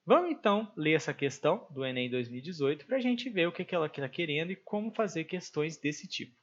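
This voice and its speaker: Male math teacher, Brazilian accent, fairly high voice, chatty and patient, dull lo-fi recording. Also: animated, brisk. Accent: Brazilian Portuguese. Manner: conversational, thinks aloud with fillers. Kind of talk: explaining exam problems step by step. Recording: dull lo-fi sound.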